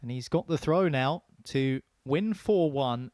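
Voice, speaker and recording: A man's voice: mid-range voice, expressive, a little slow, a little mellow, dry recording. A man giving conversational live commentary on a darts match, with noise and clicks behind him.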